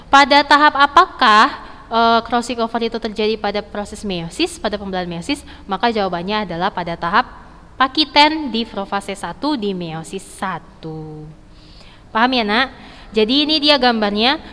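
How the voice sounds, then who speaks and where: A woman's voice: medium pitch, fairly bright tone. A woman teaching a school lesson, explaining step by step, repeating key points and checking that students follow. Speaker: biology teacher. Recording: reverberant, hall-like echo.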